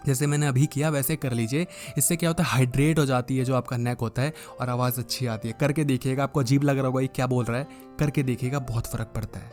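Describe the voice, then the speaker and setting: Man in a put-on presenter voice. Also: a little mellow. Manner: talks in a put-on presenter voice, drawing out key words; hums deep om and hum sounds in demonstration. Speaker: voice coach vlogger. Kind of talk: casual tutorial talk.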